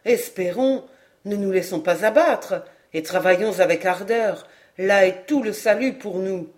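A woman reading an audiobook voices a young man, steady and earnest, urging courage. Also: mid-range voice, a little slow, lightly acted.

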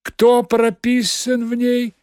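A man voicing a sly, fussy male demon retainer in a high, brisk, gloating way. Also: monotone, a little mellow, clean tone, no echo, clean studio sound.

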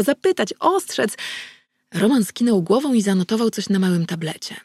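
A woman reading a novel aloud in the first person, in a steady, measured audiobook narration. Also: fairly low pitch, vocal fry, dry recording.

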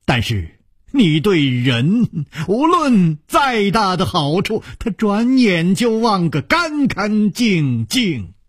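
A man voicing a witty, carefree young male hero who speaks in a bright, laughing, sing-song way. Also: high-pitched, very animated, slow, husky, dry recording, studio quality, pitched above the performer's own voice, heavily acted. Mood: merry.

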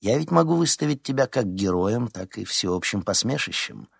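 A man's voice: fairly low pitch, sing-song, normal speed, gravelly, husky, dry recording, studio quality, full character voice. A man voicing a cold, calculating female TV reporter who talks in a mocking tone.

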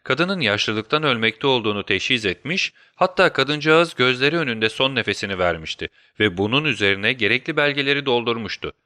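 Bright-voiced male audiobook narrator. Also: mid-range voice, lively intonation, fairly quick, hardly any pauses, dry recording, studio quality. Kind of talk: scripted narration.

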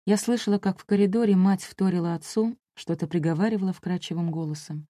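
A woman reading a first-person novel aloud in a measured, even way. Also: fairly low pitch, no echo, clean studio sound. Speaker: audiobook narrator.

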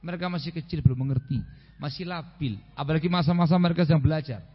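A man giving a lively religious lecture on a radio program, often stopping to check that his listeners understand. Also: a little high, quick pace, long reverb tail, highs cut off. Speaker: Islamic preacher.

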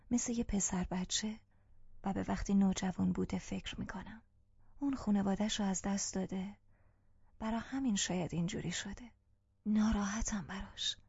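A woman reading a first-person audiobook in a hushed, tense voice that often drops to a whisper. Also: mid-range voice, slightly rough, no room sound. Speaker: audiobook narrator. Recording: dull lo-fi audio with faint music.

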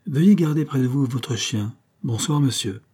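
A man's voice: medium pitch, normal speed, warm tone, husky, voice pushed up, natural voice. A male narrator voicing a fussy, methodical old accountant who speaks with prim indignation. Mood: insistent.

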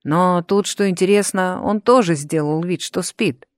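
Female audiobook narrator, lowish pitch, dry close sound, steady delivery. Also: measured pace, no echo. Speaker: audiobook reader.

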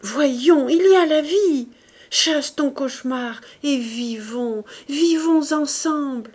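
A woman's voice: sits high, takes it slowly, a little mellow, pitched above the performer's own voice. A woman reading an audiobook voices a desperate young woman pleading with her lover, passionately, from fury to tender whispers.

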